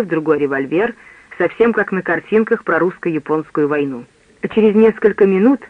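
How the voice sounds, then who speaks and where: A man narrating a novel as an audiobook in a steady storytelling reading. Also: high voice, no echo. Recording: tinny phone-like dry sound.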